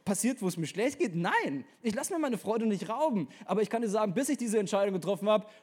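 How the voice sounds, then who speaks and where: Lively young preacher, high voice. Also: male voice, fast, husky. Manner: energetic, colloquial, talks straight to the listener. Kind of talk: casual youth sermon.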